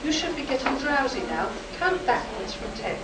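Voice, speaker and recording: An actress playing a skeptical, clinical army psychiatrist in a live sci-fi radio play, questioning with authority. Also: female voice, high voice, big pitch swings, normal speed. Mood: commanding. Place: live performance in a room at a convention. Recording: roomy, distant, noisy live convention stage recording.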